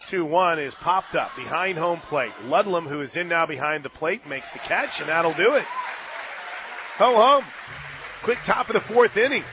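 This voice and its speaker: This American radio announcer, working play-by-play from a stadium booth, has a voice on the high side with lively intonation, moving at a moderate pace. Faint music and ballpark crowd noise sit in the background.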